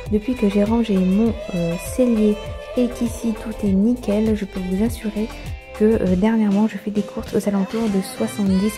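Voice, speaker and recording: A young woman narrating her cleaning video in a casual voice-over, chatty and full of hesitations as she shares tips. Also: medium pitch. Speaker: cleaning vlogger. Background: background music.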